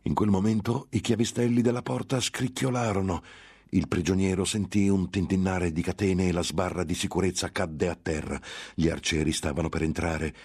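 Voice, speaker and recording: A man narrating a gothic novel in a grave, measured dramatic reading. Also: low-pitched, fairly even intonation, a little mellow, breathy edge. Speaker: audiobook narrator.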